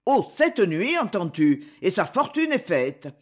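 A man reading the part of a calm, solemn male sorcerer in an audiobook, speaking slowly and gravely. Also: high voice, full character voice. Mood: urgent.

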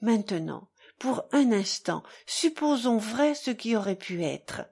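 A woman's voice: fairly high pitch, animated, takes it slowly, vocal fry, a little mellow, slightly rough, heavily acted. A woman reading an audiobook, voicing a proud, passionate young woman who pleads in an intense, trembling way. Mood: tender.

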